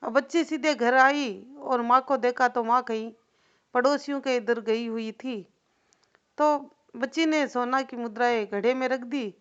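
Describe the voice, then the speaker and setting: A woman's voice: on the high side, fairly even intonation, a little slow, fairly bright tone, smooth. A woman telling a devotional folk story in a loose, repetitive oral style, with asides to the listener. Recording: dull lo-fi recording.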